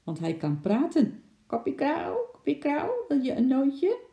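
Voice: high-pitched, big pitch swings, unhurried, vocal fry, warm tone, voice pushed up, exaggerated voice. A reader voicing a mocking big boy in a children's storybook, teasing in a sing-song way, with a roomy echo.

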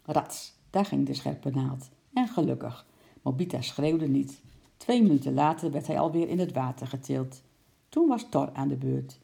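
A woman narrating a children's storybook aloud in a calm, lively way. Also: very deep voice, moderate pace, creaky.

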